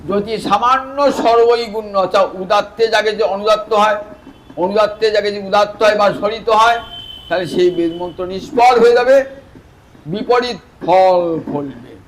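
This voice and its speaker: High-voiced man telling a scripture tale. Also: slight background noise, rough recording. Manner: animated storyteller who addresses listeners directly; swings from soft, slow phrasing to louder, emphatic bursts. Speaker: Vaishnava preacher. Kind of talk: devotional scripture storytelling sermon.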